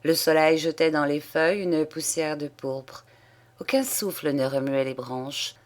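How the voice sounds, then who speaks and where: Low-voiced woman reading a classic story. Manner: measured, calm storytelling. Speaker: reader. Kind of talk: audiobook narration of a classic story.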